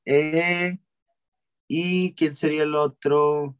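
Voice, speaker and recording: A young man from Monterrey, telling stories as a guest in a casual, slangy, animated way with lots of restarts. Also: fairly high pitch, very slow, clear, resonant tone, dry recording, muffled recording. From Monterrey, Mexico. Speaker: guest singer-songwriter. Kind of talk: casual interview chat.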